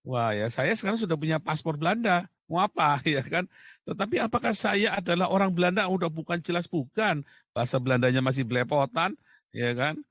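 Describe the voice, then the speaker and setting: A man's voice: on the high side, brisk, fairly bright tone, no echo. A man from Indonesia in a casual monologue, chatty and rhetorical, laughing at his own jokes. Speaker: host.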